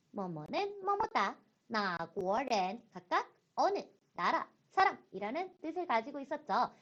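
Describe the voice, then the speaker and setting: A woman teaching high school Chinese in an online lecture, slowing down to model phrases and stressing key points. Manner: slow, careful model pronunciation of Chinese phrases; lively, rising emphasis on key points. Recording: dull lo-fi recording.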